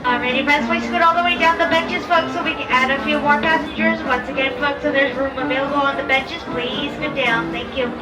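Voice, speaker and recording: A woman conductor making casual, friendly live announcements over an outdoor train loudspeaker. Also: sits high, steady tone, fairly quick, few pauses. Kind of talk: live safety and stop announcements. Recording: distant loudspeaker amid crowd and music.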